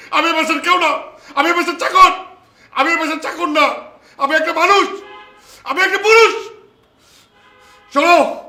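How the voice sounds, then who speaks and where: Indignant ranting husband, high and bright. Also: male voice, reverberant. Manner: indignant, ranting, repeating himself for emphasis. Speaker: husband in a comic skit. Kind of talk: scripted comic domestic skit.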